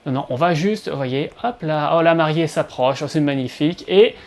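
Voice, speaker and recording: A man's voice: fairly high pitch, normal speed, background noise. A man hosting a video game show, giving a playful, chatty gameplay commentary voice-over and talking straight to his viewers. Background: soft game music.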